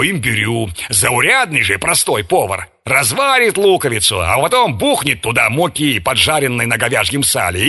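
Give me a man voicing a pompous, jolly army chaplain in a storybook reading, with a bright, husky voice. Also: mid-range voice, heavily acted. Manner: pompous, lecturing. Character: jovial gluttonous old army chaplain, male. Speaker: military chaplain.

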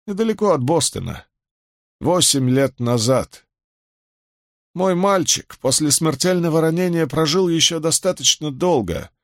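A man's voice: fairly high pitch, no echo, clean studio sound, pitched above the performer's own voice. A man reading an audiobook, voicing a frightened, guilt-ridden older doctor who talks in a trembling, pleading way.

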